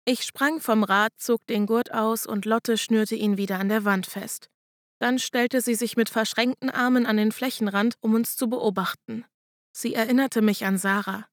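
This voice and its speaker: A woman narrates a first-person audiobook in a steady, measured way. Her voice is fairly high. The recording is dry and close, with no room sound. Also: no room sound.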